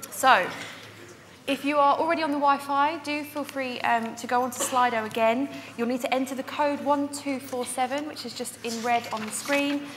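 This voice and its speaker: A woman's voice: high-pitched, steady tone, moderate pace, a little hiss or hum. A woman hosting a student panel on stage in a large lecture hall, friendly and full of ums. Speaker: event host. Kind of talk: hosting a panel at a welcome talk. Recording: hall reverb with audience ambience.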